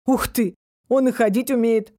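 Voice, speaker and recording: Cheeky bold young storybook hero, voiced by a woman, playful and loud, lively pitch. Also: moderate pace. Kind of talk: children's storybook reading.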